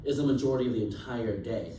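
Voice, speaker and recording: This student presenter, a young adult man, speaks fast in a mellow, medium-pitched voice. His class presentation is casual and chatty, sprinkled with fillers and quick laughter. The audio comes from a distant device in a noisy, roomy classroom.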